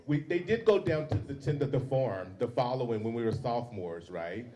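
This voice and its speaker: A man telling a personal story at a panel talk, animated, acting out what people said. He works as a university teacher. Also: medium pitch, moderate pace, lo-fi sound. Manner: animated storyteller, acts out quotes. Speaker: panel speaker.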